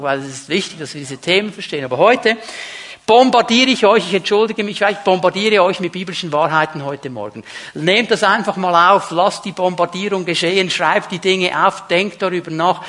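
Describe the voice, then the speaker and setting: A pastor with a high, slightly bright voice preaches to his congregation. He speaks emphatically and directly to his listeners, repeating key words.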